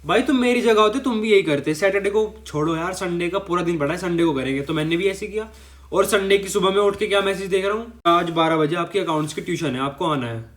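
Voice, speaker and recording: A man's voice: high-pitched, fast talker, fairly bright tone. A young man telling a rambling, exasperated comic story about tuition classes, full of self-pity. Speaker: student storyteller.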